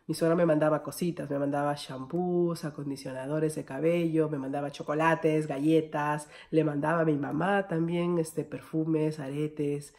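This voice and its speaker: A woman's voice: sits low, fairly even intonation, normal speed, hardly any pauses, darkish tone. A young Peruvian woman with a Peruvian Spanish accent tells a personal story in a storytime vlog, chatting to her viewers as friends. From Peru. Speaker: vlogger.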